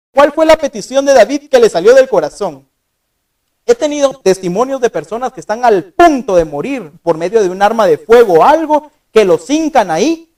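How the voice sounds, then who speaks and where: A man's voice: very high-pitched, darkish tone, recorded from a distance. A man preaching a sermon who keeps asking his congregation rhetorical questions and acts out the scripture he quotes. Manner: acts out biblical quotes with raised voice.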